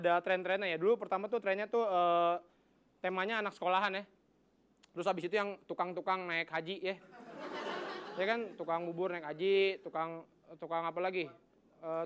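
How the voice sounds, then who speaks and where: A young man doing a loud, animated, slangy stand-up comedy set on stage. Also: high-pitched. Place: stage before a studio audience. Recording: live stage with crowd. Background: audience laughter.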